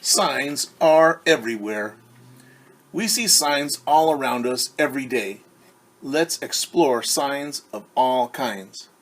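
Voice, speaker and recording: During a children's storytime, a man reads a picture book to his young pupils in an animated, medium-pitched voice. As their teacher, he patiently poses questions and waits for replies.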